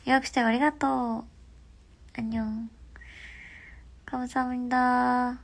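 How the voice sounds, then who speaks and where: A young woman with a stuffy nose, chatting casually on a phone livestream and often dropping into soft half-whispers. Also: a little high, level tone, normal speed, vocal fry. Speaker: livestream host.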